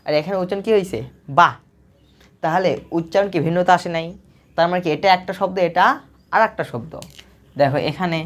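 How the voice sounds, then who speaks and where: Low-voiced woman teaching math patiently. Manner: patient, repetitive explaining, asks questions and answers them herself. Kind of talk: recorded video lesson.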